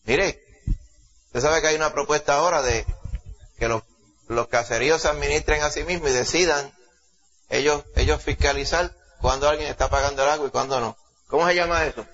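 Puerto rican pastor guy preaching hard, highish voice, lo-fi muffled recording. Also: brisk, pauses often. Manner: emphatic, rises to loud exclamations and drops low, asks the congregation questions. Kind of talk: sermon. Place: church service before a congregation. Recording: dull lo-fi recording.

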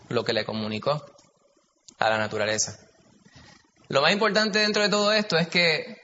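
In a dull, echoey hall recording with faint hiss, a man with a Puerto Rican accent guides a Bible study in a chatty manner, posing questions to the group. His mid-range voice sounds pushed and bright.

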